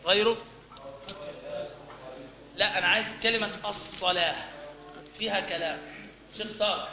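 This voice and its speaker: A man's voice: high voice, fairly even intonation, normal speed, pushed and bright. A man with an Egyptian accent teaching a class on the call to prayer, demonstrating chanted lines and quizzing his students. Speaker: religious teacher. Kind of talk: lecture on recitation. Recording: echoey hall with audience.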